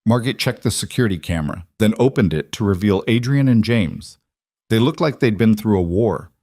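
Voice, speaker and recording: A man narrating a dramatic story in a measured storytelling style. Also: on the low side, expressive, dark tone, dry recording, clean studio sound. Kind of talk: scripted narration.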